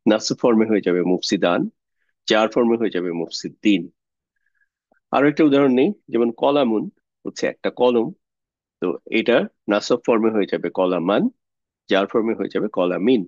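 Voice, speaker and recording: Guy teaching an online grammar class, slow and patient, dry slightly muffled mic. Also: on the low side, a little mellow, no room sound. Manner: patient, explains step by step, mixes English words into Bengali.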